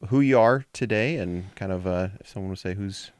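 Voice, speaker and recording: A man's voice: sits low, a little fast, smooth, no room sound, studio quality. A young man hosting a podcast interview, asking loose, friendly questions with fillers. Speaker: podcast host. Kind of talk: casual interview.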